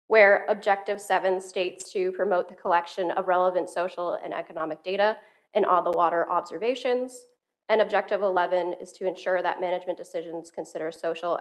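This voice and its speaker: A woman economist giving a formal presentation at a council meeting, speaking steadily into a table microphone. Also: lowish voice. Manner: steady, explanatory, occasional self-repeats.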